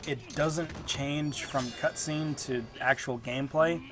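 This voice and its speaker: Game audio and music play behind a stuffed-up man who meanders through a casual voice-over review, filling it with ums and fresh starts. He speaks slowly in a slightly high, steady tone.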